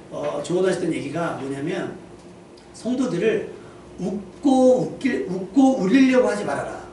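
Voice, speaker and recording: A man with a high voice preaches in a church sanctuary, talking with the congregation as much as to it. His voice rings through a very echoey hall, heard from some distance off the mic with a faint hiss beneath. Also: darkish tone. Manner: conversational preaching, asks the congregation questions. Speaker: pastor. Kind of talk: sermon.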